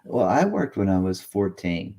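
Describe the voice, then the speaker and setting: A man's voice: sits low, very animated, moderate pace, mellow. A man in his late fifties in casual, rambling chat, cursing freely. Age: late 50s. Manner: rambling, profane.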